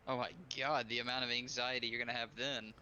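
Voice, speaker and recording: A man chatting casually with a friend, excitable and blunt, swearing casually. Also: medium pitch, fast, smooth, highs cut off. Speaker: friend on call. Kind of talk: casual chat.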